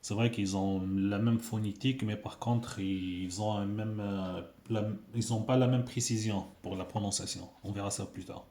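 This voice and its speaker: A man's voice: on the low side, steady tone, normal speed, hardly any pauses, warm tone. A man teaching a casual video lesson, patiently repeating sounds for learners. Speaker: Arabic teacher. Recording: echoey room.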